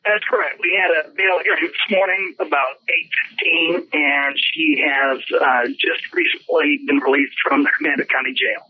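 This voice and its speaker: A man phoning in as a defense attorney, his voice muffled and distant as if from the bottom of a well. The phone line is thin and tinny, and his tone is husky. He chooses his words in a measured, careful way. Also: on the high side, steady tone. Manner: measured, careful legal phrasing. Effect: muffled phone line that sounds like he is at the bottom of a well. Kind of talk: phone-in interview on a TV show.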